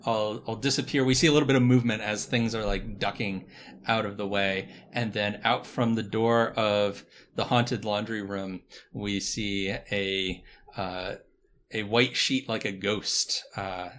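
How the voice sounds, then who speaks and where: Low-pitched man narrating a tabletop game. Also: steady tone, fairly bright tone. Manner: halting, thinking aloud as he narrates. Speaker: game facilitator and player. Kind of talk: casual tabletop role-play narration.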